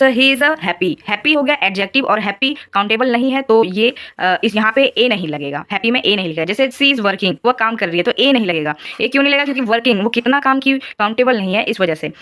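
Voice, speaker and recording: A woman teaching an English grammar lesson in Hindi, with an Indian accent, explaining step by step and reading English examples slowly. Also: a little high, a bit bright. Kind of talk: grammar lesson for exam prep.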